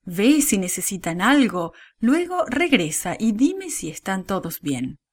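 A caring older father gives calm, kind instructions in a children's Bible story, as a woman storyteller reads his lines. The voice keeps a lively, sing-song lilt. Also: medium pitch, unhurried. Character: father Jacob, a gentle older man.

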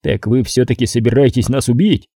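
A man as a grim, enraged man in an audiobook, growling clipped words in a very dark, husky voice. The sound is dry and close. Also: mid-range voice, a little fast, no echo, lightly acted. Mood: furious. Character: grim enraged man, desperate father figure. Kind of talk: audiobook character voice.

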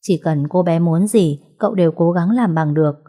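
A woman narrating a story in a calm, even, scripted storytelling manner. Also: lowish voice, moderate pace.

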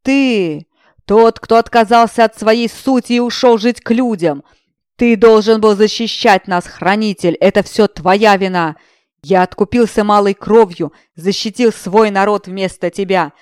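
A woman's voice: medium pitch, a little slow, darkish tone, smooth, no echo, studio quality, lightly acted. A woman voicing a furious male golden dragon who snarls and barely forms words. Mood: raging.

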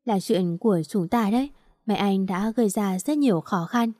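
A gentle, devoted young man in a storybook reading, soft and reassuring, read by a woman in her own voice. The tone is mellow and the sound is close and dry. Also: medium pitch, moderate pace, no room sound, lightly acted.

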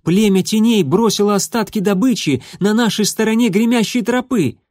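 Man voicing a spiteful young warrior tomcat, shrill high shouting, loud, dry close storybook sound. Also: moderate pace, dry recording, lightly acted. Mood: angry. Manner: shrill, angry and hissing. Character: hostile young male warrior cat.

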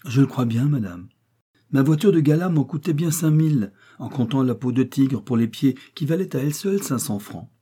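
A man's voice: medium pitch, lively intonation, dark tone, slightly rough, pitched above the performer's own voice. A man reading an audiobook voices a fawning older lady, once rich, who eagerly agrees about wealth. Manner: eager, ingratiating, quick to agree.

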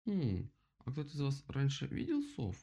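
A man voicing a calm, sensible female bear in a children's storybook, soft and timid. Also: mid-range voice, moderate pace, pitched above the performer's own voice. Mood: gentle.

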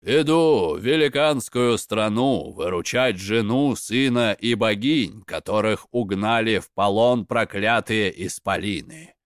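A man reading a fairy tale aloud and voicing a gruff, mighty male sky god and blacksmith in a low, grumbling mutter. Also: measured pace, few pauses, no echo, studio quality, natural voice.

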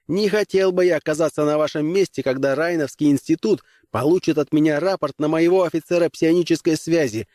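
A man playing a proud young starship lieutenant in an audiobook, defiant and heated. His voice sits a little higher than the narrator's own. It is recorded dry and close. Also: fairly quick, few pauses, a little mellow, no echo, lightly acted. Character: indignant young male starship lieutenant, hot-tempered.

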